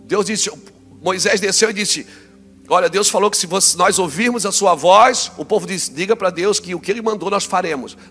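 A man preaching a sermon, swinging between loud exclamations and quiet, low passages. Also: moderate pace, breathy edge, in a large hall, soft background music.

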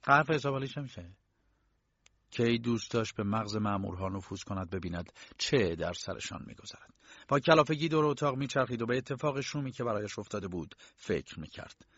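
A man narrating a novel as an audiobook in a measured storytelling voice. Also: lowish voice, fairly bright tone, dry recording. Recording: dull lo-fi dry recording.

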